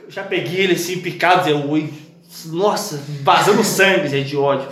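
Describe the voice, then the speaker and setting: Young man, podcast co-host, slightly high voice, teasing banter, echoey room. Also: brisk, very noisy. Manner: joking, teasing, retells stories with voices. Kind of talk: loud casual banter. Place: room with several friends.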